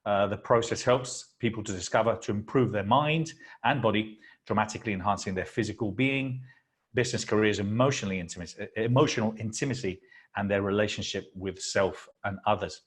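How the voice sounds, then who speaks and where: A man's voice: lowish voice, a little fast. Effusive male host. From Spain. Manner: effusive, eager interviewer. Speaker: host and founder. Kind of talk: stage interview. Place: convention expo venue.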